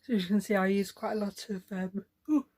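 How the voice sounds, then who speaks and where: A woman's voice: mid-range voice, level tone, racing, a little mellow, slightly rough. Rambling, chatty woman stitching on camera. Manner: rambling, chatty, full of fillers and restarts. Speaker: cross-stitch vlogger. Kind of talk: casual chat while stitching.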